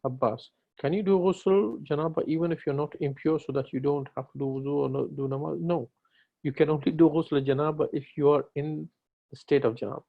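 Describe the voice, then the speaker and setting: A man's voice: on the high side, fairly even intonation, brisk, gravelly. A man teaching a religious class online, patiently answering students and correcting their pronunciation. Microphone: video call. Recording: lo-fi online call audio.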